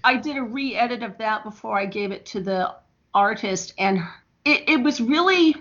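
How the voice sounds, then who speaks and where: A woman's voice: fairly high pitch, expressive, normal speed, a bit bright. A middle-aged woman from Indiana, a guest author chatting casually and laughing often. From Indiana, USA. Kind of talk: casual podcast chat. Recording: dull lo-fi audio.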